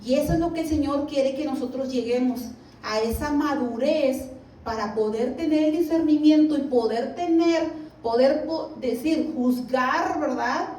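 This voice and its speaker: In a church hall, a woman with a high, slightly mellow voice teaches a Bible lesson, reading scripture slowly and carefully. She keeps checking in with her listeners by asking "¿verdad?", and the echoey recording was captured from a distance with faint background noise.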